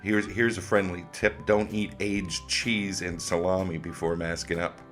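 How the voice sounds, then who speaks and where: A man's voice: low-pitched, flat delivery, unhurried, fairly bright tone, soft background music. A man hosting comic reaction commentary in a sarcastic, mocking way. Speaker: host of a commentary video.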